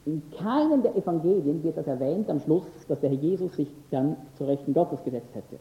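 A man's voice: a little high, lively intonation. Man lecturing over a tinny, echoey recording. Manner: earnest, emphatic, pauses with fillers. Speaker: Bible teacher. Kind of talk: lecture on scripture.

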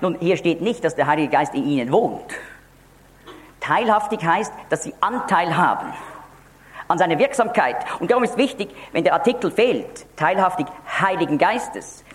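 Man giving a lively Bible teaching. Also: on the high side. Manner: explains slowly, stresses key words; restarts and repeats words. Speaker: preacher.

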